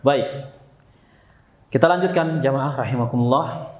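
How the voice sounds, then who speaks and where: Playful ustadz in an echoey hall. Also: male voice, mid-range voice, unhurried, slight background noise. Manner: playful, laughs often, models Arabic sounds in a sung drill. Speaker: Quran recitation teacher. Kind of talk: teaching tajwid to a congregation.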